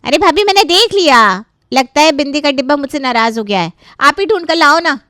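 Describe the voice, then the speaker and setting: A woman's voice: high-pitched, lively intonation, a little fast, pushed and bright, no room sound, clean studio sound. A playful teasing young girl.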